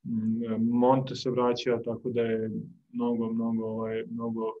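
A young male basketball player answering postgame press questions calmly, searching for words, in a press room. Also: measured pace, phone-quality sound. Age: young adult. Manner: calm, low-key, searching for words. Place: press room before a sponsor backdrop.

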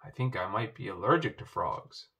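A man's voice: fairly low pitch, expressive, normal speed, creaky, a bit bright. Prince Humperdinck, as a man reads him, fussy and squeamish. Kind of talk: storybook read-aloud.

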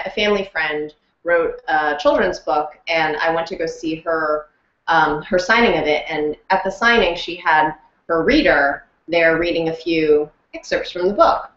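A woman actor and audiobook narrator telling a story in a casual, animated chat, laughing often. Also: lowish voice, normal speed. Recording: roomy, dull lo-fi sound.

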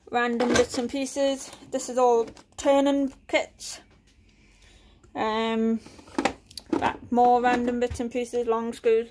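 With background noise in the clip, a UK woman with a fairly high voice casually tours her small shed workshop, filming on a handheld phone. The woodworking vlogger stays relaxed and lists her tools with frequent fillers.

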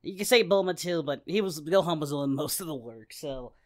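A woman voicing Goku, a cheerful, goofy adult male martial-arts hero, in an excitable in-character reaction commentary that shouts at the screen. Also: deep voice, brisk. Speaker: reaction video host.

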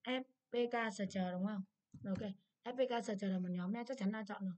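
A woman English teacher with a Vietnamese accent, going through an exam in a brisk review lesson and asking many checking questions. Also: medium pitch, darkish tone.

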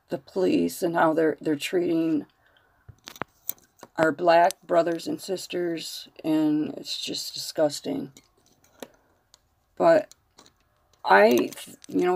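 A woman's voice: on the low side, gravelly, a little mellow. A woman nail art vlogger who is losing her voice, talking frankly and rambling with opinions and some mild swearing. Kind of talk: casual talk to camera.

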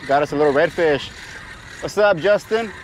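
A man talks casually to his viewers while fishing from a small boat on open bay water, his voice sitting slightly high for a man. He breaks into excited whoops when a fish bites. The action-camera audio carries strong wind and water noise. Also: normal speed. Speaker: fishing vlogger. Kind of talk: casual fishing vlog narration. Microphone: action camera worn on the body.

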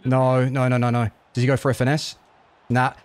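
A man giving live commentary on his own football video game match, excitable, jumping from low groans to loud yelps. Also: brisk, smooth. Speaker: gaming YouTuber.

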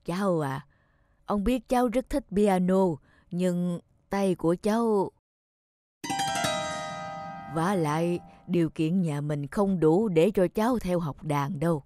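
Cartoon: woman as a tender, lowish elderly grandfather, hesitant and kind, light music under. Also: slow pace, pauses often, dark tone. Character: gentle elderly grandfather, poor and caring. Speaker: cartoon voice actor.

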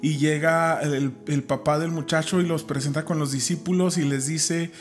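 A man's voice: fairly high pitch, fairly even intonation, moderate pace, faint music behind. A man casually discussing a Bible story, retelling scripture with many fillers and restarts.

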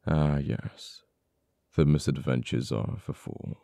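In an audio roleplay, a man performs a cold, uptight official with a very dark, heavily creaky voice pitched extremely low. He taunts a captured former friend slowly, leaving deliberate dramatic pauses, his intonation fairly even and his delivery heavily acted. The recording has no echo, and the mood is taunting.

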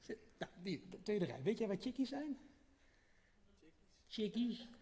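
A man doing stand-up, teasing and quizzing his audience in a deadpan way on a theater stage. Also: high voice, unhurried, background noise. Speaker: stand-up comedian. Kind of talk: stand-up crowd work. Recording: live hall with long reverb, crowd laughter.

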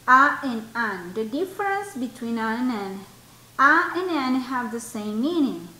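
A woman's voice: a little high, very animated, pushed and bright, echoey room, low-quality recording. A woman teaching an English class to Spanish speakers, patiently repeating each example word for her students. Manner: patient, repeats words slowly for learners. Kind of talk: online class explanation.

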